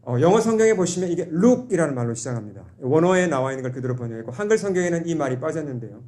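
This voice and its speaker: A man's voice: fairly high pitch, animated, fast talker, warm tone. A man, a pastor, preaching a sermon in a church, asking the congregation questions and acting out quoted voices.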